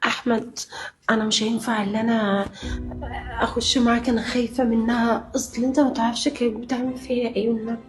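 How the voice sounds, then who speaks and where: A woman's voice: sits high, fairly even intonation, fast, a little mellow, faint music behind, close to an everyday voice. A woman playing a young wife thrown out onto the street, pleading and fearful. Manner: pleading, tearful.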